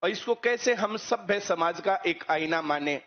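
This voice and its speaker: A man's voice: high voice, lively intonation, measured pace. A man, a coaching teacher who lectures students on current issues and keeps asking rhetorical questions. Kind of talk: speech to students. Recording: muffled lo-fi recording.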